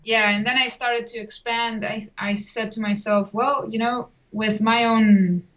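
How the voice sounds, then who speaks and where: A woman's voice: a little high, fairly even intonation, measured pace, fairly bright tone, poor audio. Chatty woman. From Chile. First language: Spanish. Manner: chatty, with frequent restarts and small laughs. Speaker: guest. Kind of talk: casual interview.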